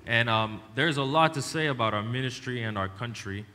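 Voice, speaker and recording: Bright-voiced man preaching. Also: medium pitch. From Trinidad and Tobago. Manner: speaks in short phrases with pauses for translation, many fillers. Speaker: missionary preacher. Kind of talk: preaching testimony through an interpreter. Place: church hall. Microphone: handheld microphone. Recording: echoey church hall, faint noise.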